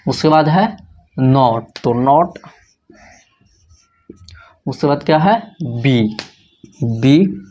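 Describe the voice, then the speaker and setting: A man's voice: medium pitch, expressive, drawn-out words, pauses often, a little mellow. A man teaching an English grammar lesson in Hindi, who keeps asking questions and answering them himself. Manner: asks questions and answers them himself, repeats key points.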